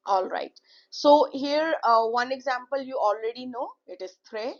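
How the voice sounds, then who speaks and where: A woman's voice: high voice, normal speed. A woman teaching a beginner language lesson, repeating key words and checking in with "okay" often. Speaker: French teacher. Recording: dull lo-fi recording.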